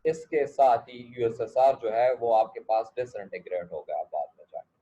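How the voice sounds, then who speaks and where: A man's voice: mid-range voice, animated, moderate pace, mellow, breathy edge. A male lecturer, teaching a class and often checking that students follow, with English asides. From Pakistan. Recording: dull lo-fi recording.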